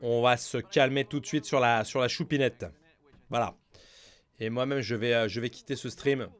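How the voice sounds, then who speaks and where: A man's voice: mid-range voice, fairly even intonation, normal speed. A man chatting on a live stream, joking and teasing his viewers in a theatrical, mock-grandiose way. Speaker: streamer commenting a live game show. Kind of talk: casual live-stream chat.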